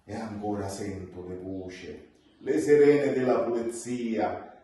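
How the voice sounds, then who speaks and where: A man with a Sicilian accent recites poetry dramatically in a solemn, expressive, deliberate manner. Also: fairly low pitch. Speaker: poetry reader. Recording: distant mic in echoey room.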